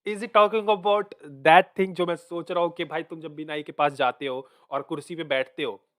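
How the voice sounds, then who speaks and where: A man's voice: on the high side, steady tone, moderate pace. Chatty man breaking down rap lyrics. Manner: mixes Hindi and English, repeats lyrics aloud, thinks out loud. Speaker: music reaction host. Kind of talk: casual reaction breakdown.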